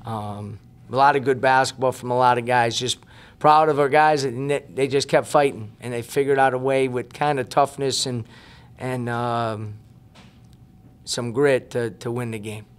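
A man's voice: mid-range voice, steady tone, moderate pace. Earnest man at a press conference. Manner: earnest, emphatic, repeats words as he thinks. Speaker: head basketball coach. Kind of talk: postgame press conference answers. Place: indoor press room at a table. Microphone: table mic on a stand.

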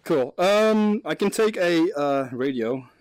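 A man's voice: fairly high pitch, animated, slow pace, darkish tone, dry recording. A man streaming a game with a teammate, swearing and laughing, casual chat.

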